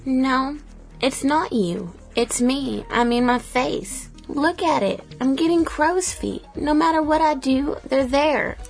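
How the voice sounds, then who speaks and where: A woman's voice: high-pitched, takes it slowly, gravelly, exaggerated voice. A woman in her twenties playing a vain young wife who pleads and pouts about her looks, with faint music underneath. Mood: upset. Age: 20s. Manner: pleading, pouty. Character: vain young wife fretting over wrinkles.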